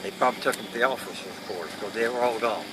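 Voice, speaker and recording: With a lowish voice and a Kentucky accent, an elderly veteran in his 80s or older recounts World War II service in plain, halting interview answers. The sound is noisy and distant, with a vehicle-like rumble behind him.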